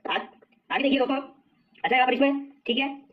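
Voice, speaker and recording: A woman teacher walking briskly through exam questions, repeating the answers and calling her viewers friends. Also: sits high, fairly even intonation. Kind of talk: rapid exam-question walkthrough. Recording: distant, dull lo-fi recording.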